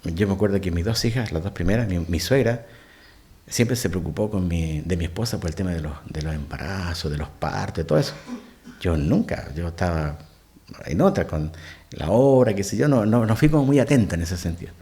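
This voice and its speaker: Animated Chilean pastor telling a story. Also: male voice, low-pitched, fairly quick. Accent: Chilean Spanish. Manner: animated, asks the congregation questions. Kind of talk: storytelling sermon. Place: church.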